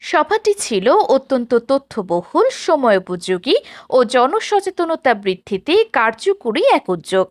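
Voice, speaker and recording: News voice-over: woman, high, animated pitch, formal reading. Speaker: news reporter.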